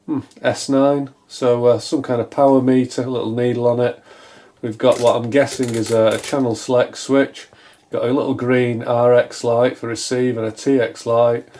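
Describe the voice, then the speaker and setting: At a bench in his small home electronics workshop, a middle-aged British hobbyist and presenter talks his way through a hands-on repair, casual and unscripted. His voice is relaxed and dark-toned at an average male pitch, and he muses aloud with dry, self-deprecating humour.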